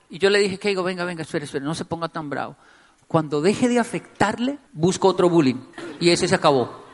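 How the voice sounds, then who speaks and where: A middle-aged man giving a playful, joking talk to an audience, telling animated stories. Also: sits high, big-room sound. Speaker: speaker addressing an audience. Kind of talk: humorous talk to a live audience.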